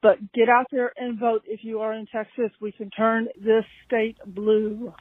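A woman leaving a brisk voice message for a podcast, rattling off figures. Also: on the high side, flat delivery, no room sound. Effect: voice message played over a phone line. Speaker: podcast listener caller. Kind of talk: voicemail update. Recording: tinny dry phone line.

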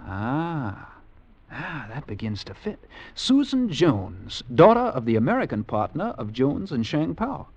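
A wry, cool American adventurer from Virginia. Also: male voice, mid-range voice, huge pitch swings, a little slow, darkish tone, husky, lo-fi sound, full character voice. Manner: wry, easygoing, confident.

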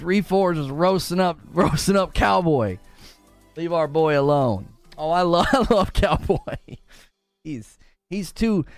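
A man's voice: fairly high pitch, dry recording. A man from Northern Ohio on a live stream, bantering playfully with chat and laughing often. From Northern Ohio, USA. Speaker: gaming streamer.

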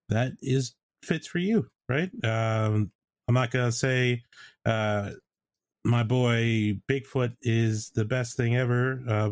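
A man with a mid-pitched voice co-hosts a podcast in a loose, conversational manner. He talks haltingly, and the recording is dry with hardly any room sound. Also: dry recording. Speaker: podcast co-host. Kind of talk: casual chat. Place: indoors at home.

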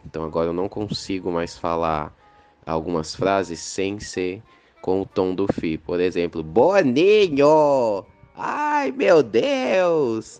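A man from the interior of São Paulo records a voice message with a complaint for the show. His voice sits low and his delivery is plain and measured, with faint music playing behind him. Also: a little mellow. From interior of São Paulo, Brazil. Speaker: listener sending a voice message.

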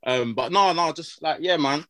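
A man's voice: fairly high pitch, moderate pace, sharp tone, a little hiss or hum. A man with a London roadman accent chatting casually as a podcast guest, slangy and full of repeated tag questions. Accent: London roadman (urban slang).

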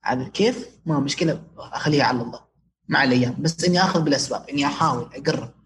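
With a mid-range, somewhat bright voice, a young Omani man races through casual personal anecdotes as an interview guest. His Omani Arabic is peppered with English.

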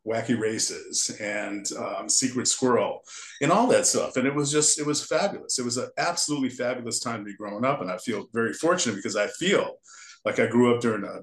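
Older interview guest from the United States, mid-pitched voice, meandering storyteller, roomy reverberant recording. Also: male voice, fairly quick. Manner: rambling, restarts sentences often. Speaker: guest, character designer. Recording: echoey room.

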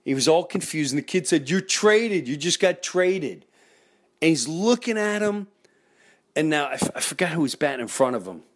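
Animated man telling stories casually. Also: fairly high pitch, a little fast. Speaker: host of a baseball fan show. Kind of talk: casual chatty storytelling to the audience.

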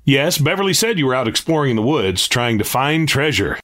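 A man's voice: medium pitch, big pitch swings, a little fast. Brief: loving father, voiced by a man, mid voice, affectionate. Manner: warm, affectionate.

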